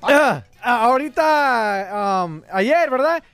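A man's voice: extremely high pitch, lively intonation, slow pace, a bit bright. A man, a regular on a comedy radio show, rambling and stumbling through a joke.

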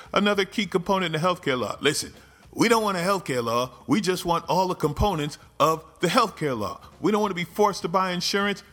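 Male political talk host, mid-pitched voice, sarcastic rant that spikes into loud outbursts. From United States. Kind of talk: ranting political commentary.

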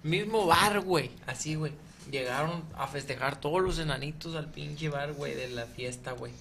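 Bright, forceful Mexican man, joke-teller who is heavy on filler slang. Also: on the high side, normal speed, creaky, slight background noise. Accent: Mexican Spanish. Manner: repeats slang fillers constantly. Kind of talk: telling crude jokes in casual chat.

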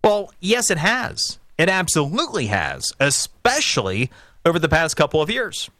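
A man's voice: fairly high pitch, wildly swooping pitch, moderate pace, sharp tone, dry recording, clean studio sound. An American man hosting talk radio, giving emphatic political commentary in stop-and-start phrases, repeating himself for stress. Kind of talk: political commentary on a call-in show. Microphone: close studio broadcast mic.

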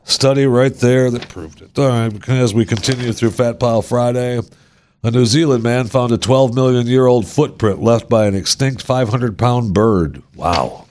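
A man's voice: mid-range voice, moderate pace, a little mellow. A man co-hosting a casual chat show, reading odd news stories aloud, laughing often and putting on mocking voices.

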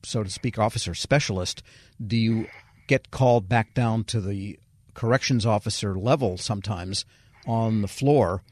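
A man hosting a broadcast interview, asking measured, clarifying questions. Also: lowish voice, dry recording. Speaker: radio host, interviewer.

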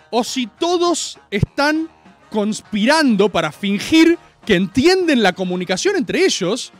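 A man with an Argentine accent, hosting a stream and ranting comically and sarcastically to his audience. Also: very high-pitched. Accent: Argentine Spanish. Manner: exasperated, sarcastic, mimics crowd screams.

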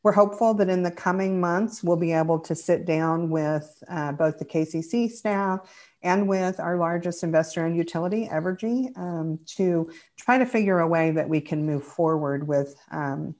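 A woman speaking as a guest on a podcast, explaining energy policy in a measured way with frequent ums and restarts. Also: sits low, darkish tone. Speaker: clean energy advocate guest. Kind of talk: casual podcast interview.

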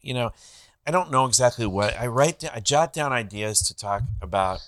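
A man's voice: medium pitch, expressive, moderate pace, fairly bright tone. A man hosting a comedy podcast, riffing playfully on absurd bits in casual banter from a hotel room. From California. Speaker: podcast host.

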